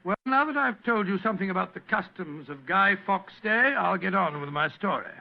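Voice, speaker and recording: A genial, avuncular older English doctor of vintage radio drama. His voice sits high for a man and rambles fussily like a fond storyteller. The sound is a muffled old broadcast. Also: lively intonation, a little fast, vocal fry. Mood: genial, storytelling. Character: genial, fussy older English doctor recounting past adventures. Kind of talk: 1940s radio acting.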